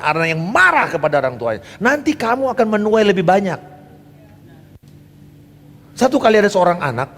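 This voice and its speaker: A middle-aged man preaching a sermon as pastor, emphatic, swinging from loud declarations to soft asides and slipping English phrases into his talk. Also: high voice, big-room sound.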